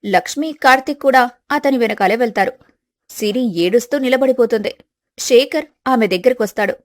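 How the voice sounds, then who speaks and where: A woman narrating a scripted family story for an animated video. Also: a little high, normal speed. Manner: steady storytelling.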